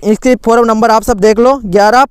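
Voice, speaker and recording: Over a screen recording, a male education channel host hurries viewers through admission lists, indignant and repeatedly restarting his sentences with plenty of "theek hai" fillers. He speaks briskly in a smooth, steady, high-sitting voice. There's no room sound at all.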